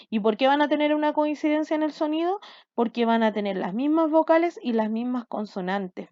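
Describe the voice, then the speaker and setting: A woman's voice: fairly high pitch, darkish tone, no room sound, lo-fi sound. A woman from Chile teaching a class, explaining step by step and often checking with "¿cierto?" and "¿ya?". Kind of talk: recorded online class.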